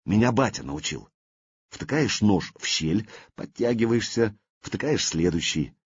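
A male reader voicing a bold, daring young warrior with a Norse accent, speaking low and calmly. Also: a little slow, husky, no room sound, highs cut off, heavily acted. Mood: reassuring. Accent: Norse-tinged Old Russian speech. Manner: low, steady, menacing calm.

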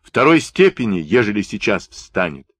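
A man voicing a stout, jovial old navy captain who barks out shouted orders in a storybook reading. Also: lowish voice, big pitch swings, normal speed, dry recording. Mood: rousing.

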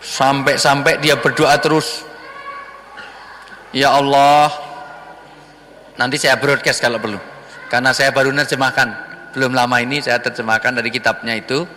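A man's voice: steady tone, a little fast, pushed and bright, a little hiss or hum. A man preaching a sermon in speech, telling stories and acting out their characters' voices. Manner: acts out story voices, jumping much higher for exclaiming characters. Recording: long hall reverb.

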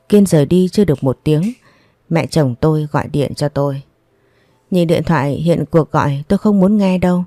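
A woman reading a first-person audio story in a steady, even storytelling manner. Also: deep voice, dry recording, clean studio sound. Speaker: narrator.

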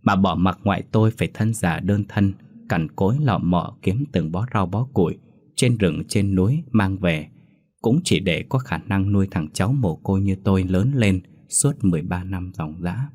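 Bitter low-voiced male storyteller. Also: moderate pace, darkish tone. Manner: bitter, scornful. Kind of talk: scripted first-person horror-story narration.

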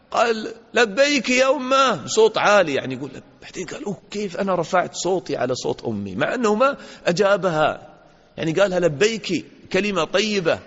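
Recorded with dull lo-fi sound in an echoing hall, the sheikh leads children through a religious lesson using a slightly high, fairly bright voice. He quizzes them, praises what they say, and plays out small dialogues.

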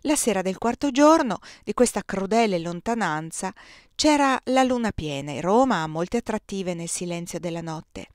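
A woman narrating a classic novel aloud in a measured, expressive reading. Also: mid-range voice, no room sound, studio quality. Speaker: audiobook reader.

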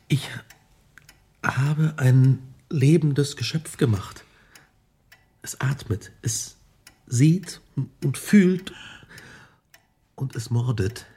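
Husky, tormented Victor Frankenstein. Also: male voice, mid-range voice, warm tone, exaggerated voice. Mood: anguished confession. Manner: intense, halting, confessional. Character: tormented, guilt-ridden, obsessive son and scientist. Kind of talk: German radio drama acting.

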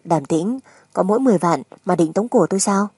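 A woman voicing a surly, sneering gambler husband, husky. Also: lowish voice, animated, a little fast, warm tone, no echo. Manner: mocking, crude, menacing.

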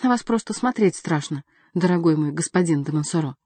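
A woman reading an audiobook voices a calm, ironic young male courtier who teases his opponent. Dry, close recording. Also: low voice, a little fast, dry recording. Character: mocking, cool-headed young male courtier.

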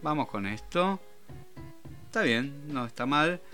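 A man's voice: fairly high pitch, expressive, a little slow, sharp tone, faint music behind. A man with an Argentine accent hosting a talk show, rambling and joking in casual chat. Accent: Rioplatense Argentine Spanish. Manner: rambling, jokey, self-amused. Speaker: radio show host.

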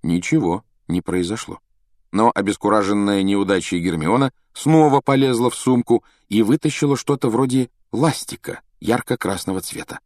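A man's voice: lowish voice, moderate pace, darkish tone, no room sound, clean studio sound. A man reading a novel aloud as an audiobook narrator, telling the story steadily and expressively. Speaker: audiobook reader.

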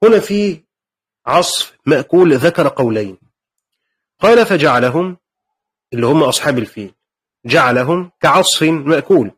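A man's voice: on the high side, lively intonation, normal speed, long pauses, husky. A man with an Egyptian accent teaching a lesson on a Quran commentary, explaining conversationally and checking in with his students. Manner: conversational, asks the class questions and explains. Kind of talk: lecture.

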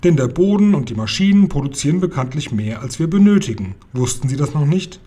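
Ein Mann, der beim Vorlesen eines Kinderbuchs eine freundliche, geduldig erklärende alte Dame spricht, mit heiserer Stimme. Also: male voice, a little high, big pitch swings, brisk, dark tone. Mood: friendly explaining. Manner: friendly, patiently explaining, occasionally stern. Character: kind, calm old lady in a car. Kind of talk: reading a children's book aloud.

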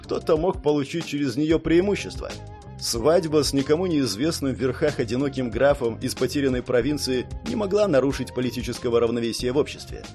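A man narrates a fantasy audiobook in an even, measured way. His voice sits at a middle pitch. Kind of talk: scripted narration.

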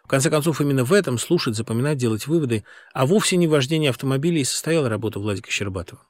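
Fast, lively male audiobook narrator. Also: mid-range voice, no room sound, clean studio sound. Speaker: audiobook reader. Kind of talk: scripted narration.

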